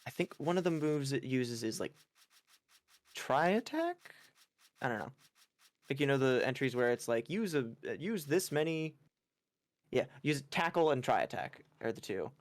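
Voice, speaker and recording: Very animated and medium-pitched, this gaming streamer keeps a moderate pace as he chats over gameplay. The talk is rambling, yawny and self-mocking.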